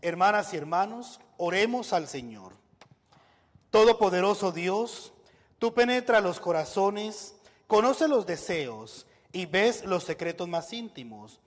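High-voiced minister in a reverberant church. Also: male voice, lively intonation. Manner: solemn, measured liturgical delivery. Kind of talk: leading a church service. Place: large church. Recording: long reverb in a large church hall.

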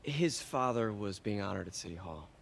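A man's voice: fairly low pitch, expressive, moderate pace, creaky, slight background noise. An actor voicing a wisecracking young male superhero in a video game, casual and easygoing. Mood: gentle.

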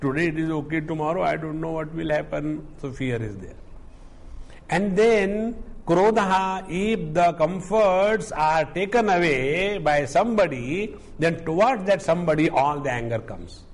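Slow-talking older Indian-accented swami. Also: male voice, fairly high pitch, animated. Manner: deliberate, explains term by term with anecdotes. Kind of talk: spiritual discourse explaining scripture.

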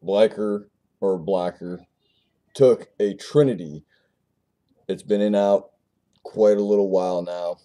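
Beer-review host, male, deep and very dark tone, rambling and casual with frequent restarts. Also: steady tone, takes it slowly, long pauses. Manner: rambling, stumbles over words.

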